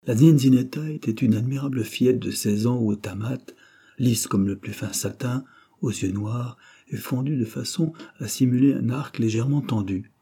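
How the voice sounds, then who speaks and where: A man reading a novel aloud in scripted narration, measured and even. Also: mid-range voice, slightly rough. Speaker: audiobook reader.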